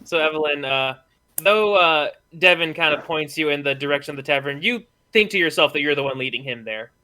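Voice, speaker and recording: This man runs the table as game master, with a bright, forceful tone and a smooth, crisp voice. His narration wanders and stalls on fillers as he describes the scene, coming through an online call mic. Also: a little high, a little fast. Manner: loose, hesitant narration full of fillers.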